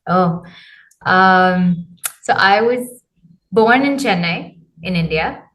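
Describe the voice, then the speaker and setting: A woman's voice: on the low side, slow pace, a bit bright. A woman in her thirties, a coach from Zambia, answering interview questions casually with many ums and uhs. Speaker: guest, men's clarity coach.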